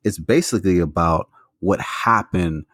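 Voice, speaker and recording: A man's voice: sits low, measured pace, a bit bright, no echo, studio quality. A man co-hosting a sports podcast, making his case with stats and lots of fillers. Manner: argues a point with stats, many fillers. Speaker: podcast co-host. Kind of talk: casual sports talk.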